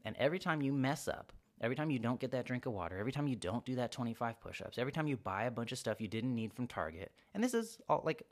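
A man's voice: medium pitch, big pitch swings, fast talker, few pauses. A young man hosting a podcast, rambling through casual self-help advice and acting out short quoted exchanges in a raised voice. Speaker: podcast host.

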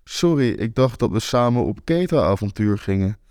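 A man's voice: mid-range voice, expressive, normal speed, darkish tone, no room sound, studio quality, close to an everyday voice. A man reading a story aloud, voicing a bubbly, playful young party woman.

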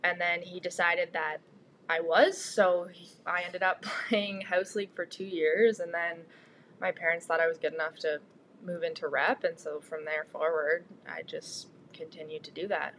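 Young female student athlete, Canadian accent, lower-leaning pitch, informal interview answers, faint room noise behind. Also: fairly even intonation, normal speed, fairly bright tone, low-quality recording. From Ontario, Canada. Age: young adult. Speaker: podcast guest, student athlete.

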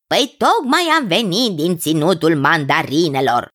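A woman's voice: sits low, big pitch swings, fairly bright tone, no room sound, studio quality, exaggerated voice. A woman doing a gushing cousin Fripturică. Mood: enthusiastic. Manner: gushing, drawn-out praise. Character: cheerful male cousin, food lover, enthusiastic.

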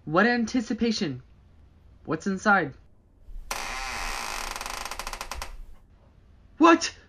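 A male actor playing a nervous, bewildered boy in a horror audio drama, with a hesitant, halting manner. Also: high voice, big pitch swings, noisy background. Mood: uneasy. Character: nervous, bewildered boy lured by strange girls.

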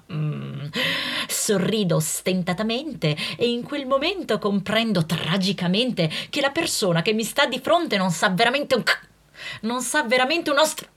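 A woman singer, delivering a theatrical, animated comic monologue. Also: a little high, normal speed.

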